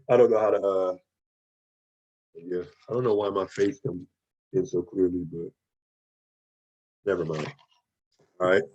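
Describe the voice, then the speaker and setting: A male college writing instructor giving a casual online class lecture from his desk over a video call. He talks conversationally, often checking in with "okay?" and "right?", and repeats words while he finds his phrasing. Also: lowish voice.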